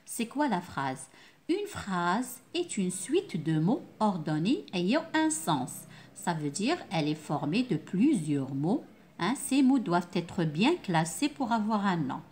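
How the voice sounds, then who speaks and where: Female primary teacher, lively pitch, patient step-by-step lesson with repeated questions to the class. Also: husky. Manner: explains slowly, repeats key words, asks the class questions.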